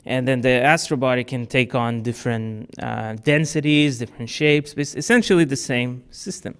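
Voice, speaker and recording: Speaking at normal speed, this Portuguese man has a medium-pitched, slightly bright, clean-toned voice. He's addressing a club audience in their meeting room, answering questions casually and often filling and restarting his sentences.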